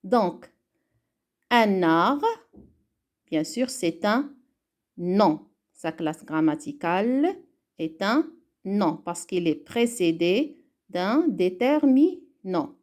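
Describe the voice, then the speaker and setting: A woman teaching a reading lesson online, deliberate and spelling things out step by step. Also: mid-range voice, expressive, darkish tone. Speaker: primary school teacher.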